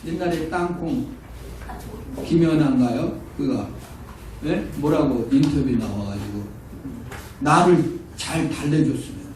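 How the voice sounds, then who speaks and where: A man pastor delivering a sermon in a church sanctuary, his mellow voice reaching the mic from a distance. He swings between loud outbursts and hushed asides, acting out quoted voices, and the room around him is very echoey. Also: fairly high pitch, unhurried, pauses often, a little hiss or hum.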